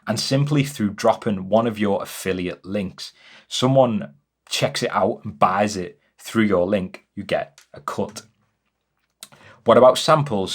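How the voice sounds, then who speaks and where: A man's voice: lowish voice, breathy edge. A young man giving an upbeat, chatty explainer to camera from his home music studio. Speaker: music business educator. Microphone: camera-mounted mic.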